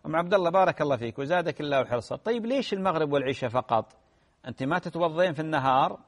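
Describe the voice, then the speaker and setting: Sheikh man answering callers, gentle advice, talks fast, reverby. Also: on the high side, animated. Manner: gentle advisory, reads questions aloud then answers. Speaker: sheikh answering listener questions. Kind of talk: radio religious Q&A.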